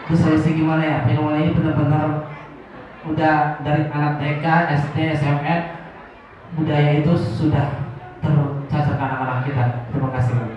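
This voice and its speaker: A man's voice: on the high side, flat delivery, fairly quick. A man asking a question from the audience at a parents' talk, exasperated and half-laughing. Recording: echoey hall, distant mic, dull and noisy.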